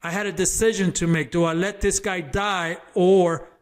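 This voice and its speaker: Guy sharing his testimony on an interview show, kinda high voice, earnest, repeats words as he builds up. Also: steady tone, moderate pace. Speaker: interview guest, former gang member. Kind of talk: emotional personal testimony told as a story.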